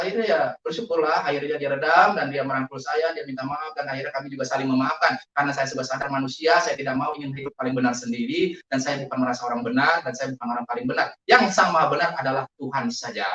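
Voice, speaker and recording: Animated blind pastor telling his story. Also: mid-range voice, fast, few pauses. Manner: animated storytelling, acts out quoted exchanges. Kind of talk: testimony interview. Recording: distant, echoey, muffled.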